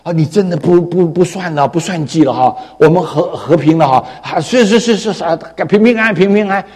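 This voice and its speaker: A man voicing an older man who brushes off an old grudge, talking quickly and repeating himself. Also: a little high, darkish tone, slightly rough, in a large hall. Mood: dismissive.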